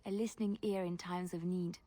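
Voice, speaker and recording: An actress playing a gentle, romantic young woman companion in a video game, speaking in a reflective, poetic way. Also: lowish voice, steady tone, brisk, close to an everyday voice. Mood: tender, sincere. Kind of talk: video game dialogue acting.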